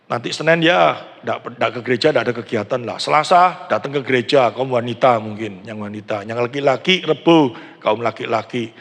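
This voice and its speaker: In the reverberant space of a large church hall, a sixty-something pastor with an East Javanese accent talks through a conversational sermon, putting questions to the congregation. His mid-range voice is fairly bright, and he speaks a little fast.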